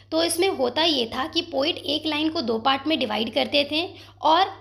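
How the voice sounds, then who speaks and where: A woman teaching English literature terms, explaining in Hindi mixed with English and reading quoted poem lines slowly. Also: sits high, gravelly, fairly bright tone.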